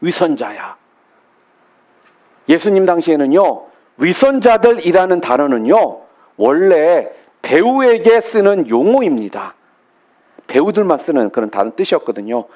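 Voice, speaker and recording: A man's voice: a little high, very animated, moderate pace, a little mellow. A man preaching a sermon as pastor, asking the congregation questions and stretching key words for emphasis.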